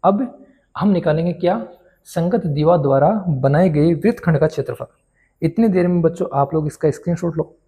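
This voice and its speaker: A male maths teacher repeatedly asks his students questions, only to supply the answers himself, in a classroom-style lesson. He speaks with a mellow voice on the higher side.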